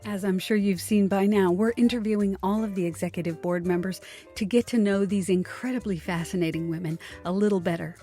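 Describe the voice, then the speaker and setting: A woman hosts a podcast with music playing in the background, reading announcements in a friendly, upbeat manner and asking interview questions. Her voice sits at medium pitch with a dark tone, and she speaks briskly and steadily.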